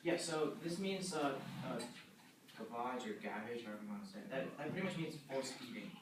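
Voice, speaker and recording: A man presenting a journal article to a class, talking haltingly with many fillers and restarts. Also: medium pitch, animated. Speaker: student presenter. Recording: echoey room, distant mic, noisy.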